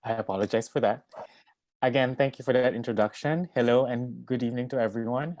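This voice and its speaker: A man moderating a medical webinar on a video call, formally reading out speaker introductions in a steady, measured way. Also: medium pitch, dry recording. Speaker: webinar moderator and family physician.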